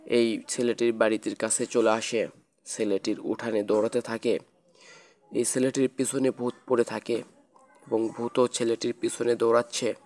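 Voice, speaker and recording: A man's voice: mid-range voice, level tone, moderate pace, a little mellow. A man narrating a children's cartoon ghost story in a plain, repetitive storytelling manner.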